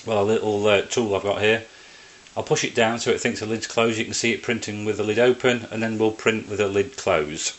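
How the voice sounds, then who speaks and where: Beside a printer inside, a man walks through a casual hands-on tutorial, explaining things simply and in order. His low-leaning voice is fairly quick with fairly even intonation.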